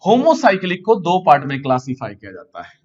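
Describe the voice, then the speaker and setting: Lively high-voiced male science teacher. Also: lo-fi sound. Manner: asks questions and answers them himself, drawn-out key terms. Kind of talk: classroom lecture.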